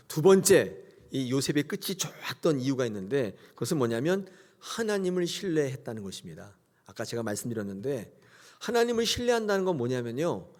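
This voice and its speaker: A man's voice: medium pitch, darkish tone. A man preaching a Sunday sermon as pastor, emphatic, leading the congregation to repeat after him and acting out quoted characters. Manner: acts out biblical characters in quoted voices.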